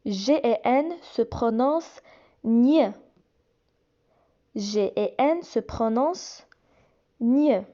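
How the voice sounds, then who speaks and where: Woman, phonics teacher, mellow high voice, drawn-out sounds, muffled recording. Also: lively intonation. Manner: slow, deliberate, repeats and stretches each sound. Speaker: reading teacher. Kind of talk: slow phonics lesson for young children.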